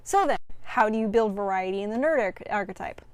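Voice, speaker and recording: A woman's voice: mid-range voice, animated, fairly quick, smooth, no room sound. A young woman giving a casual, opinionated video essay, explaining her points with occasional filler words.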